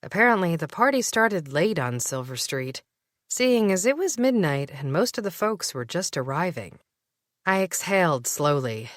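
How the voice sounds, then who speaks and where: A woman narrating a first-person audiobook in a wry, expressive storytelling manner. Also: deep voice, dry recording, studio quality.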